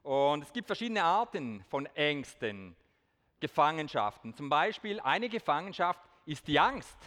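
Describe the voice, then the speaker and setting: A man with a slightly high voice gives an earnest testimony talk in a big hall, lightening it with self-mocking asides. A long hall reverb trails behind every phrase. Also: sing-song, measured pace, fairly bright tone. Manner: switches to standard German for the audience. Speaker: speaker giving a testimony talk. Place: large hall with an audience.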